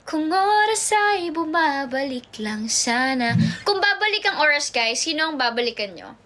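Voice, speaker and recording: Bright, high-voiced young woman livestreaming. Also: very animated, a little slow, slight background noise. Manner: chatty, switches between Tagalog and English, reads viewer comments aloud. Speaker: idol livestreamer. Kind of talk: casual livestream chat reading comments. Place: home. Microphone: phone livestream.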